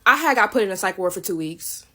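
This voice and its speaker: A woman's voice: mid-range voice, lively intonation, quick pace, bright, forceful tone, slight background noise. A young woman telling a personal story in a casual, candid and self-deprecating way, with faint music behind her.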